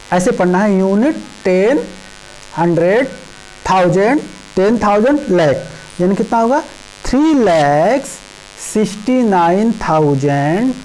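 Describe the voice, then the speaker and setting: A woman teaching a primary school math lesson, explaining place values slowly and repeatedly checking in with the children. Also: medium pitch, dark tone, rough recording. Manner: slow, repetitive explaining with frequent "ठीक है" checks. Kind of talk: class 5 math lesson in Hindi with English number words.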